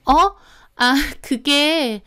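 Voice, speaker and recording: A woman's voice: high voice, very slow, bright, forceful tone, voice pushed up, heavily acted. A woman voicing a flustered young woman who answers evasively, in a story narration. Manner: hesitant, evasive.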